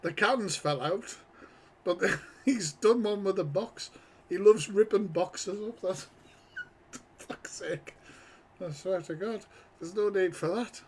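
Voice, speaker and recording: A man's voice: high-pitched, slow, pauses often, darkish tone, slight background noise. A man hosting a casual live reaction stream from home, sweary and chatty, wearing headphones. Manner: sweary, chatty, mock-exasperated. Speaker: livestream reaction host. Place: home, talking to his pet.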